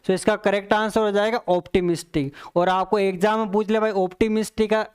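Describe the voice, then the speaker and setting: A man with a high, steady, clear and resonant voice teaches English for competitive exams. He explains answers step by step, repeats key points to his students, and reads English example sentences slowly and deliberately.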